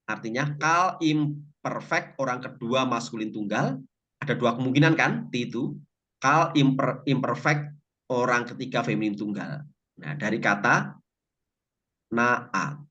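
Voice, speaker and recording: In a lo-fi recording, a medium-pitched man teaches a Bible language class. His storytelling is lively and peppered with jokes, and he regularly quizzes the class with questions.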